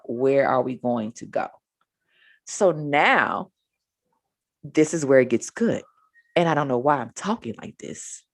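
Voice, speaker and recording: Low voice woman in her 30s, casual trading lesson, keeps saying right?. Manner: chatty, repeats "right?" to the viewer. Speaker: trading educator.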